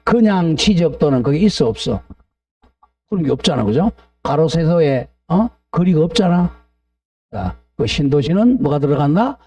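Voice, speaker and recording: A man's voice: a little high, very animated, normal speed, mellow, dry recording, far from the mic. A middle-aged man teaching a real estate law class, drifting into blunt, ranting asides and asking the class to agree. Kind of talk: lecture with opinionated digressions.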